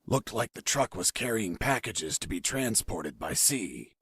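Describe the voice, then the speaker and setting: An actor playing a wry, cool-headed secret agent on the run in a video game, with terse deadpan delivery. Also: male voice, on the low side, unhurried, husky, dry recording, full character voice. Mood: tense, focused. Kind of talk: video game dialogue and narration. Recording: music behind.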